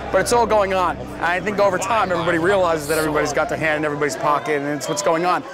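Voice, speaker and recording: A man's voice: a little high, little pitch movement, very fast. A man, an options trader, talking bluntly and cynically in a candid interview. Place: busy trading floor. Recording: noisy trading floor, music behind.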